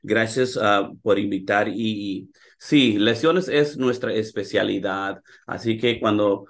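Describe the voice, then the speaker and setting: A man's voice: on the low side, measured pace. A middle-aged man from California who grew up in Houston, a chiropractor guest speaking hesitantly with many fillers. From born in California, raised in Houston. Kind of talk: radio interview in Spanish.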